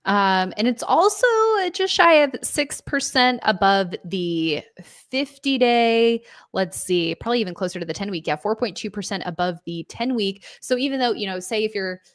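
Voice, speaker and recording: A woman's voice: medium pitch, lively intonation, moderate pace, no room sound, studio quality. A female co-host who asks questions and guides the conversation through stock charts. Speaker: co-host of market show. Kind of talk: conversational market analysis.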